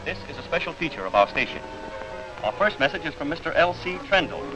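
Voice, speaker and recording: A brisk radio announcer heard over the air. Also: male voice, fairly high pitch, sing-song, music in the background, poor audio. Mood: formal. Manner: formal announcer delivery. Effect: heard over a radio broadcast. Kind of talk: 1930s serial acting.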